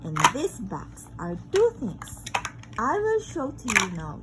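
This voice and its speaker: A woman acts out a mischievous storybook cat, cheerful and showy. The pitch is high and swoops around, with an unhurried, reassuring delivery over very heavy background noise. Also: wildly swooping pitch, full character voice. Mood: showy, excited. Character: mischievous, cheerful cartoon cat in a hat showing tricks. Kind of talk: children's storybook read-aloud.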